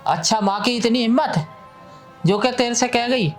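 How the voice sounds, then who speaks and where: A man's voice: very high voice, moderate pace, music in the background. A man with a Haryanvi accent playing a hot-tempered young village husband who threatens his own mother. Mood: coaxing. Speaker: husband and son in a village drama. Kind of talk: Haryanvi film acting.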